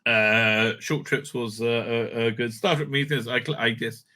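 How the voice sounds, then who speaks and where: A YouTube host and reviewer speaks in a medium-pitched, pushed, bright voice at a moderate pace. His commentary rambles and is opinionated, blunt, and dismissive, with plenty of repetition and swearing.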